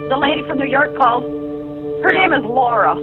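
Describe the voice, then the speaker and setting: Archival jail payphone call: high voice, tinny line, matter-of-fact chatter. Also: a little fast. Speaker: caller on a jail phone call. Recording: tinny phone line with music over it.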